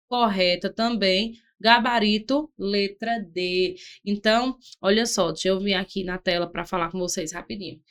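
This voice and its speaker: A woman, speaking in a fairly high voice, walks students through exam-prep grammar. She teaches step by step, breaking words into syllables and pausing to ask if everyone is following. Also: fairly bright tone. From Brazil. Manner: didactic, spells out syllables, frequent "ó" and "certo?".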